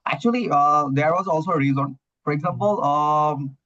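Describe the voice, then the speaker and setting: The audio is dull, but the voice comes through fairly high and fairly bright at a moderate pace. It belongs to a young student from Bangladesh with a Bangladeshi accent, a guest in a casual English practice conversation. He sounds hesitant and keeps filling gaps with "uh" and "you know that."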